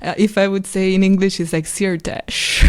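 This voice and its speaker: A woman from Hungary with a Hungarian accent, a guest musician in a casual interview chat, speaking haltingly and laughing often. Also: medium pitch, fairly even intonation, dark tone, dry recording.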